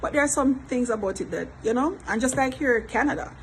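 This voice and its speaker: A woman's voice: sits high, fairly quick, a little hiss or hum, low-quality recording. A middle-aged Jamaican woman, a mother, talking in a chatty, repetitive vlog style with frequent laughs. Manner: chatty, repeats herself, laughs often. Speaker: vlogger, mother. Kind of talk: casual vlog talk.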